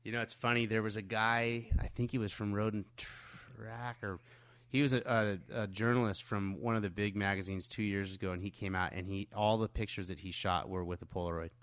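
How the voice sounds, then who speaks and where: Man, lower voice, casual and matter-of-fact, dry recording. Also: steady tone, brisk, a bit bright, dry recording. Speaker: group tour organizer. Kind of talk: casual chat.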